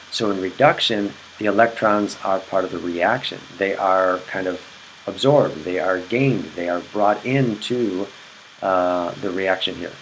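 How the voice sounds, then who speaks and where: A man's voice: low-pitched, fairly bright tone, a little hiss or hum, rough recording. A man explaining chemistry in a recorded lecture, repeating key points and checking in with "okay?". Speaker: chemistry teacher.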